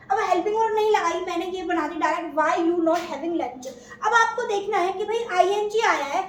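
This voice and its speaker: Heard from a distance in an echoey room with slight background noise, a very high-pitched woman with an Indian accent leads a grammar lesson. She asks her own questions and supplies the answers.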